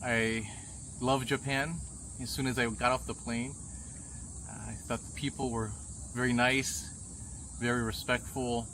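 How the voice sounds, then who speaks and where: A middle-aged man speaks outdoors in a street interview, his voice bright and forward. He answers in a measured, thoughtful way and pauses often to find his words. Faint street noise sits behind him. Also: medium pitch, little pitch movement. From Pakistan. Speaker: interviewee, visiting tourist father.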